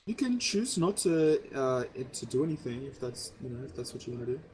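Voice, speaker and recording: A young man running a tabletop game as dungeon master, talking casually with fillers and slowing down for rulings. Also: mid-range voice, big pitch swings, darkish tone, a little hiss or hum, poor audio.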